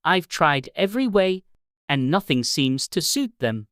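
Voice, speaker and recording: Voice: big pitch swings, measured pace, clear, resonant tone, no room sound, clean studio sound. A narrator putting on an indignant, fretful scolding pigeon. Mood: sobbing complaint. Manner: scolding, shrill exclamations, contemptuous.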